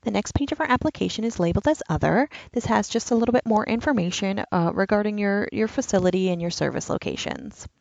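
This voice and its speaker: An enrollment trainer talks fast and very animatedly in a mid-range, slightly mellow voice with vocal fry, barely pausing, yet her step-by-step walkthrough of an online application form stays plain and patient. It's a screen-recorded software walkthrough, with no echo but a muffled sound.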